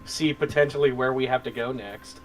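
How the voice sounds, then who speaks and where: A man's voice: mid-range voice, a little fast, a little hiss or hum, low-quality recording. A man playing a tabletop game, chatting casually and saying "like" a lot. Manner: chatty, lots of "like". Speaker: player.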